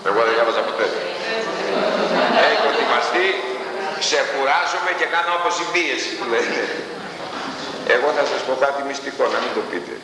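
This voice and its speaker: A man giving a slow, emphatic classroom lecture, heard on a noisy archival recording from a lecture hall. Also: mid-range voice, a loud crowd. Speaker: university professor lecturing.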